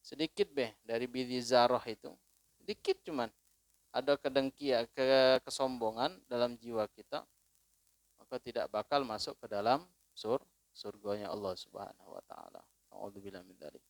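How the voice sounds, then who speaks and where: A man teaching a religious lesson in casual speech, reciting Arabic slowly and louder and letting phrase ends fall soft. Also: medium pitch, expressive, no echo. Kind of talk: sermon.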